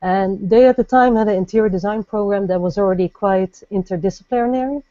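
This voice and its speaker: A woman from the Netherlands, a guest lighting designer, answering interview questions thoughtfully with many pauses and fillers. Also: medium pitch, dark tone, no echo, highs cut off. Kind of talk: podcast interview.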